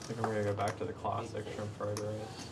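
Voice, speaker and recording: A man's voice: on the low side, completely flat delivery, a little fast, heavy background noise. A man playing poker, making easygoing joking asides in casual table banter. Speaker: poker player.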